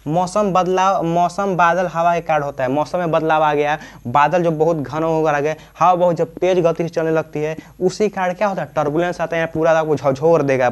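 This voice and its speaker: A man with a slightly high, clear and resonant voice informally explains aviation terms. He's repetitive, poses his own questions and answers them, and uses frequent check-in tags.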